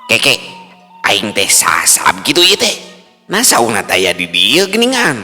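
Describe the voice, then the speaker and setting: A man's voice: fairly low pitch, wildly swooping pitch, measured pace, bright, forceful tone, pitched above the performer's own voice, full character voice. A man voicing a bewildered village man lost near a haunted tree, muttering to himself and chanting spells. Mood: confused. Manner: fretful, muttering to himself, then chanting incantations. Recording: long reverb with faint music.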